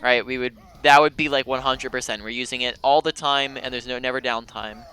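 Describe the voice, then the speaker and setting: A man's voice: mid-range voice, fairly even intonation, brisk, sharp tone, clean tone. A man coaching a player one-on-one in a casual way, explaining patiently and checking in with "right?" as he goes. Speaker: game coach.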